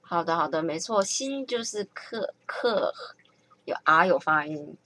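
A woman's voice: on the low side, lively intonation, a little slow, sharp tone. A woman chatting casually as she thinks aloud, often correcting herself and laughing at her own mistakes. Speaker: vlogger learning French.

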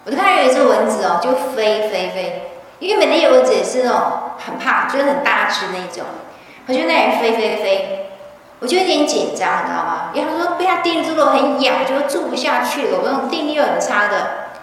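A woman's voice: on the high side, animated, brisk, faint music behind. A middle-aged woman, telling a story casually at a religious gathering and acting out the dialogue. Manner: chatty, acts out quoted dialogue, tags sentences with "ha". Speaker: member sharing a testimony at a religious gathering. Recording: echoey hall from far off.

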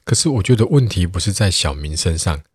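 A man's voice: deep voice, lively intonation, a little fast, slightly rough, no room sound, studio quality, full character voice. A man doing a sulky young woman. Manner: hesitant, sulky. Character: upset young woman friend.

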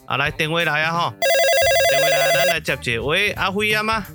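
A man's voice: on the high side, expressive, brisk, loud music behind the voice. A man hosting a podcast, reading a mock radio news bulletin in a folksy, old-style announcer manner. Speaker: podcast host.

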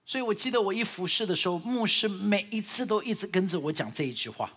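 A man preaching a sermon as a pastor in with a tinge, husky and emphatic, with halting, repetitive phrasing. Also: high voice, animated. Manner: emphatic, swinging from loud exhortation to quieter asides; halting, repetitive phrasing with occasional English words. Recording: long hall reverb.

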